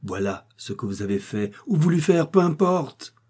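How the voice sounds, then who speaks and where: A man's voice: on the high side, big pitch swings, normal speed, a little mellow, breathy edge, pitched above the performer's own voice. A man reading the lines of a proud young heiress who vehemently accuses a man, with scornful fervor. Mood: accusing.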